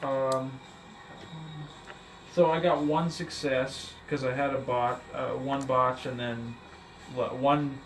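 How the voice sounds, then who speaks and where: A man explains his dice rolls hesitantly at a tabletop game, restarting his sentences as he goes. His pitch is middle height. Clear room noise sits under his voice. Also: level tone, takes it slowly, pauses often, low-quality recording. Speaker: player. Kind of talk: tabletop role-play chat.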